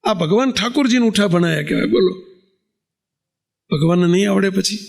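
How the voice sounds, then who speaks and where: A man, a swami giving a sermon and putting animated rhetorical questions to his congregation. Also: high-pitched, a little fast, vocal fry. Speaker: swami giving a religious discourse.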